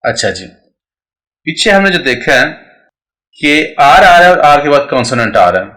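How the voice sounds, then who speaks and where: A man's voice: a little high, sing-song, moderate pace, sharp tone. A man teaching English pronunciation rules step by step, often checking in with his listeners.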